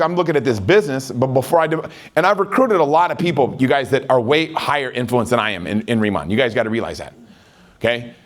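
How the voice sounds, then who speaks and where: Fast-talking, energetic middle-aged man. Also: mid-range voice. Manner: energetic, chatty storyteller who keeps checking in with the audience. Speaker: network marketing trainer. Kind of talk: motivational sales training talk.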